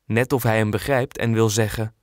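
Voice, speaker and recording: A man narrating a children's audiobook in a clear, expressive storytelling manner. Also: lowish voice, normal speed, dry recording, studio quality.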